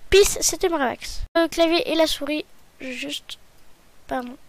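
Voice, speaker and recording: A woman hosting a software tutorial, talking hesitantly and often correcting herself with apologies. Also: high-pitched, a little slow, no echo. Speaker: tutorial host. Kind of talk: screen-recorded software tutorial.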